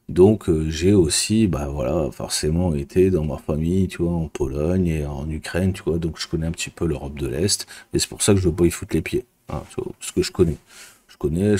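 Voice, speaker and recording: Husky deep-voiced rambling Frenchman. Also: darkish tone. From France. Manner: rambling, many fillers and restarts, blunt and crude. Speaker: business coach. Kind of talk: casual monologue to camera.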